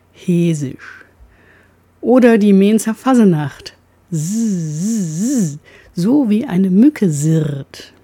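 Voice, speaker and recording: A woman with a warm, slightly husky voice explains pronunciation in a precise way. Her pitch sits low but moves a lot, and she sounds out each example word as she goes. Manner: precise, demonstrates sounds aloud.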